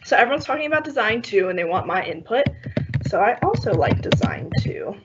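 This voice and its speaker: A young woman who trains workshop teachers walks through a software demo step by step on an online call. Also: mid-range voice, brisk. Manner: steady step-by-step explaining with soft laughs. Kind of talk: screen-share software demo. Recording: slightly muffled online call audio with faint noise.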